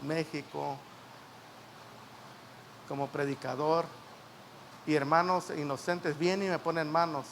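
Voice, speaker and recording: High gravelly male preacher, keeps asking the church if they follow, faint hiss behind. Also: fairly bright tone. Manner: rhetorical questions to the congregation. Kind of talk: sermon. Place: church service.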